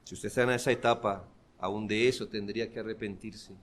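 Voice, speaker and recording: A man preaching a sermon as pastor, earnest and building to forceful emphasis. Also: lowish voice, fairly even intonation, a little fast. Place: church.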